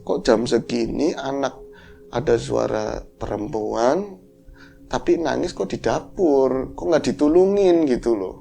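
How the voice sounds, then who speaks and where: A man's voice: medium pitch, slow pace, gravelly, soft background music. A man, telling a horror story in casual chat and acting out the voices in it. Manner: animated, acts out voices in his story. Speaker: horror podcast host.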